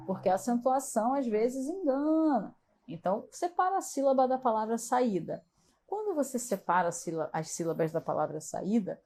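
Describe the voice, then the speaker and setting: Woman teacher walking through exam answers, steady mid voice, keeps checking if students got it. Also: medium pitch. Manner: explains step by step, with frequent "tá?" checks to students. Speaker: Portuguese teacher. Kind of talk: live exam review lesson.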